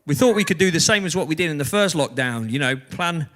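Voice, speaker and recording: A man's voice: a little high, animated, fast talker, a bit bright, slight background noise. A man hosting a band's livestream from a home kitchen, chatting casually and laughing at himself often. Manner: self-mocking, laughs often. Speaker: band livestream host and singer. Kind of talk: casual banter.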